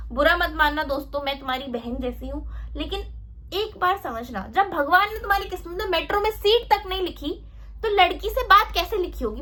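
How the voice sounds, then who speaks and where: A woman's voice: high voice, bright, forceful tone. A young woman vlogging in a chatty, teasing way as she gives dating advice straight to her viewers and acts out little quotes. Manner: acts out quoted lines in playful voices. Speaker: vlogger giving dating tips. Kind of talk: casual advice vlog.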